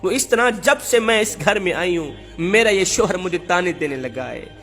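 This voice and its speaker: A man's voice: high voice, animated, moderate pace, bright, forceful tone, soft background music, full character voice. A man voicing a pleading wronged wife. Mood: pleading, lamenting. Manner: pleading, lamenting.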